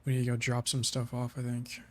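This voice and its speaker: Streaming a shooter game, a man offers relaxed, calm commentary in a brisk, low-key way that reveals little emotion.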